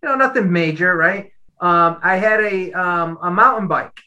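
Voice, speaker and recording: Brief: man, high and very bright voice, animated guest telling a story. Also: moderate pace, lo-fi sound. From Boston. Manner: animated storyteller, repeats words. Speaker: guest athlete. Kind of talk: casual storytelling interview.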